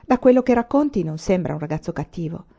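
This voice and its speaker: Woman reading a kind wise pioneer dad, calm and a bit teasing, warm mellow tone, dull lo-fi audio. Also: fairly low pitch, fast. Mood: gentle. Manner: calm, gently teasing advice. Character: kindly wise pioneer father, fiddler.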